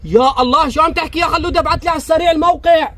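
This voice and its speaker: A man playing a father in a family skit, talking in excited, exclamatory bursts and constantly urging haste. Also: extremely high pitch, rapid-fire, no echo. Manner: breathless, exclamatory, keeps urging speed. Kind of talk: excited acted vlog narration.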